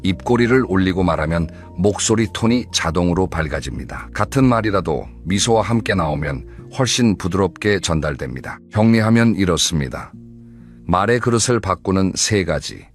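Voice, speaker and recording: Low-voiced guy reading calm life advice, soft music under it. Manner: calm, measured and advising, speaking directly to the listener. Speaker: narrator of advice videos for older listeners. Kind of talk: scripted narration.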